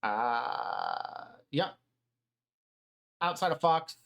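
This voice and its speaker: A man giving casual behind-the-scenes commentary about props, halting with fillers. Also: mid-range voice, wildly swooping pitch, vocal fry, a crowd in the background. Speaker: prop master commentator.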